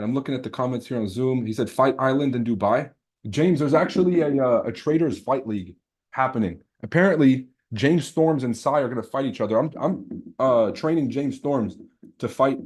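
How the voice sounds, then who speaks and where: This man's voice is medium-pitched and a little mellow. He is from Lebanon, natively speaks Arabic and French, and hosts a trading livestream, chatting casually with live viewers in a slangy, boastful way peppered with swearing.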